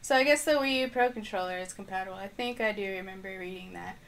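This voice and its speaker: This woman talks fast in a mid-range, gravelly, somewhat bright voice while streaming a video game live. With her microphone on the floor, she chats casually, thinking out loud and replying to viewers.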